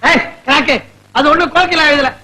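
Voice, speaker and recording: A flustered, exasperated husband. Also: male voice, very high-pitched, brisk, bright, forceful tone, slight background noise, exaggerated voice, poor audio. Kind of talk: 1970s Tamil film comedy acting.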